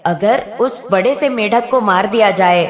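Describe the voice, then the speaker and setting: A woman's voice: medium pitch, a little slow, close to an everyday voice. A woman voicing a sleepy, irritable male demon in a cartoon story, grumbling and impatient. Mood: startled, curious. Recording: roomy echo.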